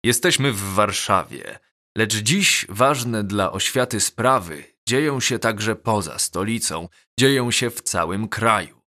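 A man doing a bass-voiced school principal's speech. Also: takes it slowly, pushed and bright, full character voice. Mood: solemn. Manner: formal speechmaking, official address. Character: huge bull-like male school principal, booming bass.

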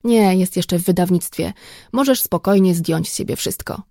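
A woman doing a calm, teasing woman friend. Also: fairly low pitch, moderate pace, no room sound, clean studio sound, lightly acted.

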